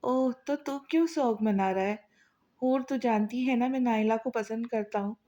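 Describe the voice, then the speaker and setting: Woman doing a lovesick young guy, whiny, pleading, mellow voice, storybook reading. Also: fairly high pitch, moderate pace, close to an everyday voice. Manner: pleading, complaining.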